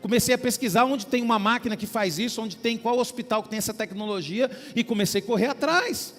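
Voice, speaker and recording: High-voiced pastor preaching in a hall. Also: male voice, fairly quick, fairly bright tone, soft background music. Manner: preaching with small acted-out dialogues and frequent "queridos". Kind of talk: sermon.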